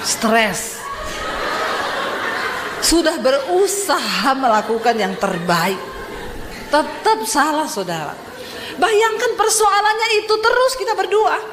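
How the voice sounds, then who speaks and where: A woman pastor from Sulawesi with a Sulawesi accent, preaching a sermon full of lively personal stories and addressing the congregation directly. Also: high-pitched, a little slow. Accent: Sulawesi Indonesian. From Sulawesi, Indonesia. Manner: lively, animated storytelling, addresses congregation as "saudara". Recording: echoey church hall, faint noise.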